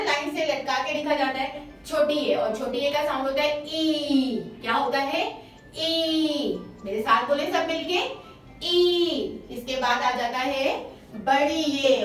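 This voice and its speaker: A high-pitched woman teacher leads a children's lesson. She patiently repeats each sound loudly for the class to copy. She sounds distant and very echoey, with faint music underneath.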